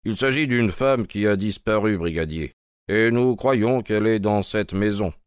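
A man's voice: on the low side, unhurried, clean tone, dry recording, studio quality, natural voice. A man voicing a cool, commanding detective. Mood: composed. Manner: cool, firm, composed. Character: calm, commanding male detective. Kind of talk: audio drama acting.

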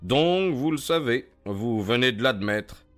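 A man playing a cool, ironic detective who needles his opponent calmly and methodically, in radio drama acting. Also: mid-range voice, measured pace, faint music behind. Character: cool, ironic, self-assured male detective.

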